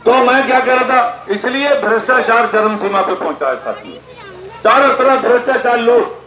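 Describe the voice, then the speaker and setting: Indignant rally speaker. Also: male voice, very high-pitched, animated, moderate pace. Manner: rhetorical, repeats figures and questions, rises to indignant shouts. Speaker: political party speaker. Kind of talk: political speech to a village gathering. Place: outdoor village gathering. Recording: echoey, dull PA sound with crowd noise.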